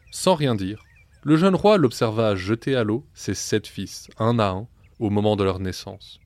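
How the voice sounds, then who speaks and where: Male storyteller, low voice, measured scripted narration, dry close mic. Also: no room sound.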